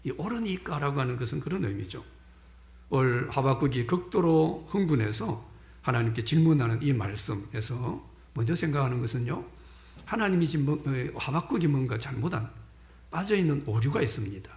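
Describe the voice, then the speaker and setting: Man, pastor, sermon, gravelly voice, echoey church hall. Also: mid-range voice, lively intonation, moderate pace, a little mellow. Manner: rhetorical questions to the congregation. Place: church sanctuary.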